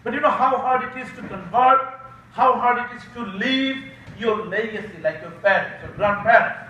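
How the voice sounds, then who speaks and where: A man with a Bangladeshi accent giving a halting banquet speech, with many filler sounds. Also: very high voice, bright, forceful tone, a little hiss or hum. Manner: halting, many filler uhs, informal grammar. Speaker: guest speaker, Senate candidate. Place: large event hall. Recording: echoey hall, distant dull mic.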